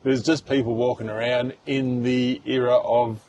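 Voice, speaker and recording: A man's voice: mid-range voice, level tone, moderate pace, a crowd in the background. A man talking casually to camera as a travel vlogger, chatty and rambling with fillers and restarts, outdoors at tourist spots and later indoors. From Australia. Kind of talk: casual travel vlog chat.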